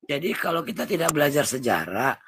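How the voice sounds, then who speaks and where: Middle-aged woman arguing hard, low raspy-gravelly tone, pushy, faint music behind. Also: very animated, fairly quick, slight background noise. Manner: firm, forceful, talks over others. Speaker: caller in debate. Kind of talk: heated online religious debate.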